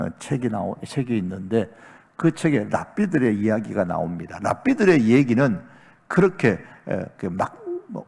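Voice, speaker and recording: A middle-aged man, a senior pastor, preaching a Sunday sermon, telling a story with acted-out dialogue and building to loud emphatic peaks. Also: medium pitch, gravelly. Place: church sanctuary. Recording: long reverb of a large church sanctuary.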